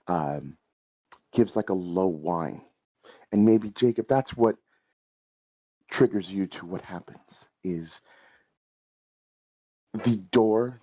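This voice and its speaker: Deep-voiced man running a tabletop game. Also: dark tone, dry recording, low-quality recording. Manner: loose, chatty description with fillers. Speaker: game master. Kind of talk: narrating a tabletop role-playing game.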